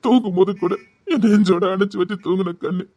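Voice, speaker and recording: Woman playing a heartbroken police officer, husky voice. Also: on the low side, steady tone, fast, no room sound, muffled recording. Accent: Tirunelveli Tamil. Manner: hushed and urgent, then mournful. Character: grieving police officer man, heartbroken lover. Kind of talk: audio drama acting.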